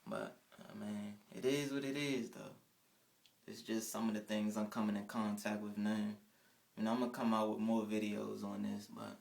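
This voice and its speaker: A man's voice: lowish voice, flat delivery, normal speed, creaky, darkish tone. A young man casually telling a rambling first-person account in a vlog, with restarts and trailing off. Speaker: vlogger.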